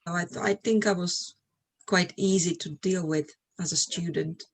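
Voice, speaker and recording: She's a middle-aged woman from Slovakia, Eastern Europe, recounting personal memories during a laid-back interview. Her English carries a Slovak accent, and her fairly low voice stays steady at a normal speed.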